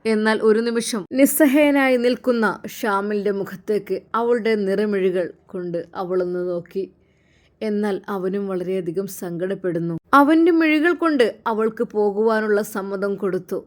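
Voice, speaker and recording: A woman tells an emotional story. Her storytelling is dramatic and emotive, and her pitch sits in a mid range. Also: moderate pace.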